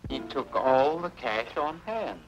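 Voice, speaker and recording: A man's voice: mid-range voice, very animated, slow pace, highs cut off, slight background noise. An actor playing a weary, resigned small-town banker with a fatherly manner.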